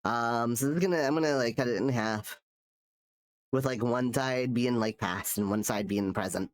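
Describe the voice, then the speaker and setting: Speaking at a medium pitch and moderate pace, a male streamer and artist chats loosely as he draws live. He rambles, starts his sentences over, and sounds stuffed up from a cold.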